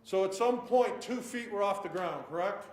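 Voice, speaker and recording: A man's voice: high voice, normal speed. A man in a courtroom recording, questioning a witness with leading questions that end in "correct?". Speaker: defense attorney. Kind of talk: courtroom cross-examination. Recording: echoey courtroom, distant mic, faint noise.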